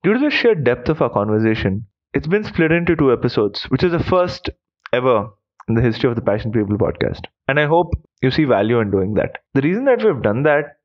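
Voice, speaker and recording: A man's voice: medium pitch, sing-song, brisk, highs cut off. Upbeat male podcast host. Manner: upbeat and welcoming. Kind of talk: scripted podcast intro and interview.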